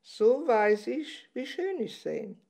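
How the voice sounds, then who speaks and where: A woman's voice: fairly high pitch, big pitch swings, slow, creaky, mellow, voice pushed up, exaggerated voice. Field: woman doing a vain, haughty dragonfly. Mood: indignant.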